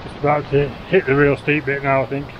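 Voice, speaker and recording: A man's voice: medium pitch, completely flat delivery, brisk, lo-fi sound, background noise. A man in his thirties vlogging to a handheld camera outdoors on a mountain trail, upbeat and a bit out of breath. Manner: breathless, cheerful, upbeat commentary while hiking. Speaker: travel vlogger. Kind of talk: casual vlog narration to camera. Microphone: action camera held at arm's length.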